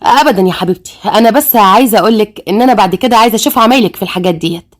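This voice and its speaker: A woman voicing a calm, patient middle-aged stepmother in an Egyptian accent, speaking in a soothing, measured way. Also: medium pitch, lightly acted.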